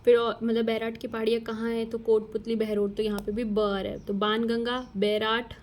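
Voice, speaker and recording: A woman's voice: on the high side, level tone, fairly quick, darkish tone, slight background noise. A woman teacher explaining memory tricks in an exam-prep lesson, patiently repeating key words.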